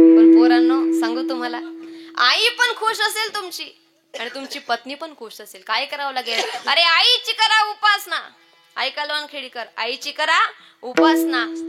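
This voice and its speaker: Female kirtan preacher, high bright voice, comic and lively, keeps asking the crowd to agree; faint instrument music behind. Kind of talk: humorous kirtan sermon to a live audience. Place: live kirtan gathering with audience.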